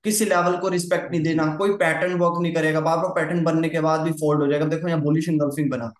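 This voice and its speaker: Echoey, higher-voiced man teaching charts. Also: little pitch movement, fast. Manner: repetitive, coaxing, keeps checking understanding. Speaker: trading teacher. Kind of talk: casual chart lesson.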